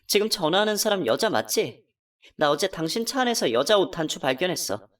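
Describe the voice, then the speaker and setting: A woman's voice: very animated, brisk. Woman doing a betrayed wife in a radio drama, voice jumping all over, accusing and hurt, kinda far from the mic. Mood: angry hurt. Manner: emotional, accusing, pitch climbing when upset. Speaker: narrator and voice actor. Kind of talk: first-person radio drama narration.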